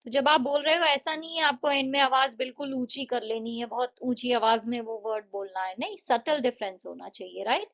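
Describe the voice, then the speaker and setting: Woman teacher walking thru answers slowly, patient, mixes hindi and english, kinda muffled audio. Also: fairly high pitch, a bit bright. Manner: patient, explains step by step with Hindi-English mixing. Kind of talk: exam-prep lesson explaining answers. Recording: dull lo-fi audio.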